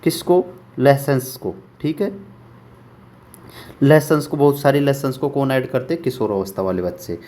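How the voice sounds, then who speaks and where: A man teaching English vocabulary for exams, repeating words slowly and asking rhetorical questions. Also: medium pitch, dark tone. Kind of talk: exam-prep vocabulary lesson.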